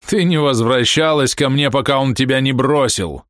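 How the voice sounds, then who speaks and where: A betrayed, heavyset husband, harsh and explosive, as a male narrator plays him. The voice is low and close, recorded dry. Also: normal speed, dry recording, close to an everyday voice. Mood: furious. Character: betrayed husband, big man, raging then broken. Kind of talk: audiobook character voice.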